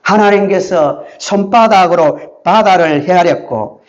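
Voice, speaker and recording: A man's voice: high voice, unhurried. A male pastor preaching an emphatic sermon, having the congregation read and repeat lines along with him, with a dull lo-fi sound.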